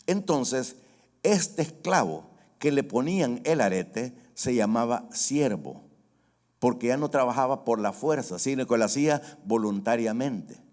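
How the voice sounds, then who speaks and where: A man's voice: medium pitch, animated, unhurried, darkish tone. A man with a Salvadoran accent preaching a sermon, telling stories and explaining terms step by step. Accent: Salvadoran Spanish. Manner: storytelling, acts out quoted voices, explains word by word. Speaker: pastor. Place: church sanctuary. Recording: long hall reverb.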